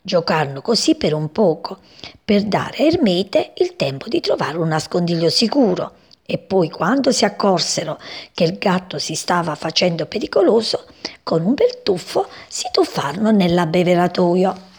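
Gravelly, husky woman reading a story aloud. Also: on the low side, normal speed. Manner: expressive, voicing the characters.

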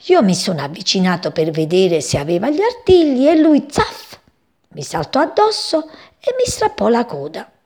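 A woman's voice: mid-range voice, huge pitch swings, normal speed, a little mellow, slightly rough. A woman voicing a cocky, boastful young male sparrow in a children's story.

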